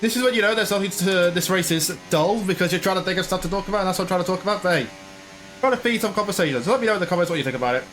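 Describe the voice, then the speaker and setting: Guy rambling over a racing game, slightly high voice, mock commentator bits. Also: very fast, a bit bright, soft background music. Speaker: gaming YouTuber.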